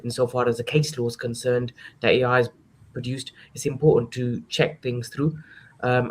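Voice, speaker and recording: A man answering as a legal professional on a panel, with hesitant, measured phrasing. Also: medium pitch. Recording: faint background ambient noise.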